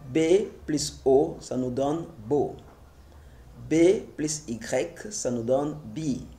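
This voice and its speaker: A man's voice: mid-range voice, drawn-out words, dark tone. A man teaching a French literacy lesson, spelling letters and syllables aloud one at a time and repeating them for adult learners.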